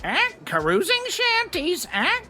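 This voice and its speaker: Piercing, suspicious little cartoon creature. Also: female voice, extremely high pitch, huge pitch swings, slow pace, music in the background, full character voice. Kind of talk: video game character acting.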